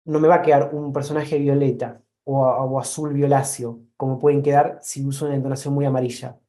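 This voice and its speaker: A man's voice: medium pitch, little pitch movement, a little fast, dark tone. A man with a Rioplatense Spanish accent joining a live online painting class, speaking hesitantly and searching for words.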